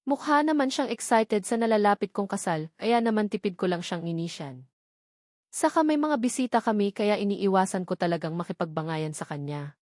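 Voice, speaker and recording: A woman with a Filipino accent narrates a first-person novel from a script as an audiobook reader. Her medium-pitched voice is a little mellow and moderately paced, recorded with clean studio sound and no room tone.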